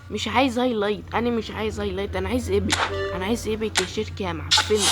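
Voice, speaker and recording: A woman with an Egyptian accent giving live gameplay commentary, pleading and complaining about her luck as she opens each pack. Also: medium pitch. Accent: Egyptian Arabic. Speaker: gaming YouTuber.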